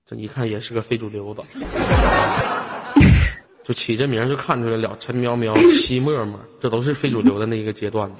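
A man with a Northeastern Chinese accent hosting a live voice chat, bantering in a brash, teasing, profane and slangy way. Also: mid-range voice. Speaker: host of an online voice-chat audition. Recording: noisy online voice chat with clicks. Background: clear background noise and clicks.

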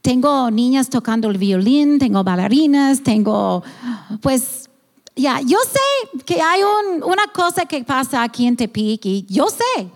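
A woman leading a children's ministry speaks with heartfelt passion, often stopping to search for the right word and restarting her sentences. Her voice sits high, and it rings out with a long reverb, as if recorded in a big hall. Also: sing-song, a little slow. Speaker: ministry leader of a children's home. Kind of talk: earnest testimony about a church ministry.

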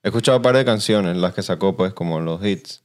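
Laid-back man, lowish voice. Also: a little fast. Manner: laid-back, slangy, laughs often. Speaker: podcast host. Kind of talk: casual chat. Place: Los Angeles studio.

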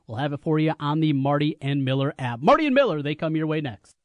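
Higher-voiced man on sports radio. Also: expressive, fast talker, no echo, highs cut off. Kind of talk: sports talk and live ad reads.

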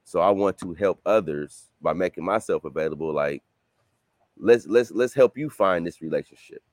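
A man in his late thirties, a guest author talking casually in an interview, loose and repetitive, jumping into excited bursts. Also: sits low, moderate pace, no echo. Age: 30s. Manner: loose, repetitive, rising to excited bursts when quoting himself.

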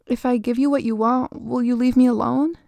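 Storybook teen girl, a bit sulky and easily spooked, as a woman reads her, slightly raised voice, gravelly undertone. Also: on the high side, fairly even intonation, fairly quick, warm tone, no room sound. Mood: frightened. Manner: defiant with her mother, then frightened and stammering. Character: scared, sulky teenage girl.

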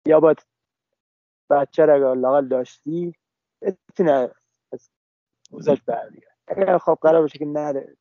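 A young man's gravelly, slightly high voice comes through a muffled phone line, bone-dry with no room around it. He answers questions haltingly, restarting his sentences and leaning on fillers. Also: dry recording. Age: young adult. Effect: heard over a phone line. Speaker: interviewee. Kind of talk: casual phone interview.

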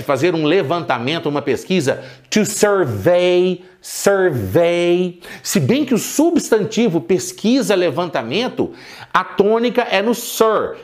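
Um homem, professor de inglês nativo de português, dando uma aula de pronúncia num podcast e repetindo cada palavra devagar e com clareza. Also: male voice, sits high. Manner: clear, drawn-out model pronunciations. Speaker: English teacher. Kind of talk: podcast pronunciation lesson.

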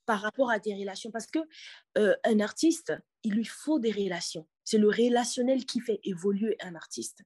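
A woman's voice: medium pitch, moderate pace, darkish tone, slightly rough, no echo, clean studio sound. A woman in her thirties from the Republic of the Congo, a singer speaking earnestly as a podcast guest, often repeating words. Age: 30s. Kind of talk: casual interview talk.

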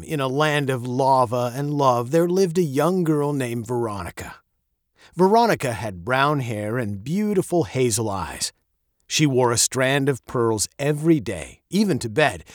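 A male narrator reads a children's chapter book aloud with playful expression. His voice sits in a middle pitch but swings widely, rising high for emphasis and dropping low for asides. The sound is dry, with no room echo. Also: big pitch swings, unhurried. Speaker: audiobook narrator. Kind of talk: scripted storybook narration.

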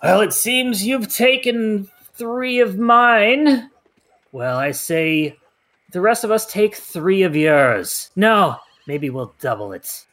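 A man, the game master, voicing a menacing male villain leader whose slow, gloating voice booms from afar, as if magically amplified. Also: expressive, a bit bright, heavily acted.

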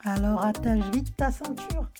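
A woman hosting a podcast in a casual interview chat, lively and quick to laugh when telling stories. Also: medium pitch, over music. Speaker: podcast host.

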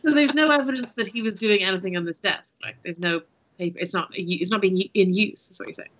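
Husky Irish woman, chatty player. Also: mid-range voice, fast talker, fairly bright tone. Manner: chatty, hedging. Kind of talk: casual tabletop chat.

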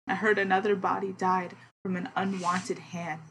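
A woman's voice: fairly low pitch, gravelly, low-quality recording. Poet woman with faint background hiss. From Queens, New York. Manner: slow, measured reading; bubbly and excitable in chat. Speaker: poet guest. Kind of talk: poetry reading and interview.

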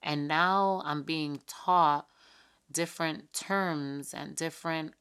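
A woman's voice: low-pitched, fairly even intonation, slow pace, fairly bright tone, clear, resonant tone. A middle-aged woman from New York, hosting a podcast and talking earnestly in a conversational, reflective way, with many fillers and restarts. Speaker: podcast host. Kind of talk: reflective personal talk.

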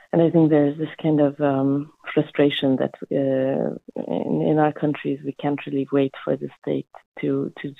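A man's voice: a little high, creaky, no echo. Man on a tinny, phone-like line. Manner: halting, searching for words. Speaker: housing cooperative activist. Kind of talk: panel discussion answer.

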